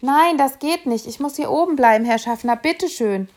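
A woman's voice: high voice, moderate pace, darkish tone, pitched above the performer's own voice, close to an everyday voice. A woman reading aloud, voicing a worried young boy who pleads and stammers with a raised, earnest voice. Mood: pleading. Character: young boy alone in the big city, anxious but proud. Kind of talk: audiobook reading.

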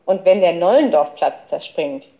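A woman reading an audiobook, voicing a clever, level-headed boy who reasons calmly. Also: fairly low pitch, normal speed, narrow, tinny audio.

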